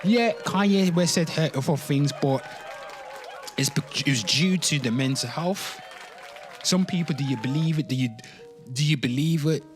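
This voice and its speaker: Hosting a pop culture commentary show, a man with a slightly high voice mixes dramatic reading with informal, sweary ranting. He draws words out theatrically, throws in exclamations, and speaks directly to listeners. Faint music and some chatter sit behind him.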